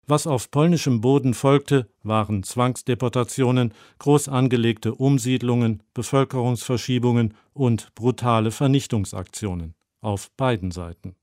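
A man reading a scripted radio book review in a sober, measured way. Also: medium pitch, a little mellow, dry recording, clean studio sound. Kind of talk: scripted narration.

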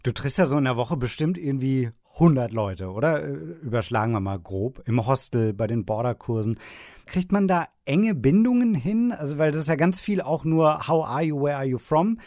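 A man's voice: mid-range voice, expressive, normal speed, darkish tone, dry recording, clean studio sound. A man hosting an interview, asking friendly questions and chatting along with his guest. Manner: friendly, checks in with "ne?" and chats along. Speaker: interviewer, podcast host.

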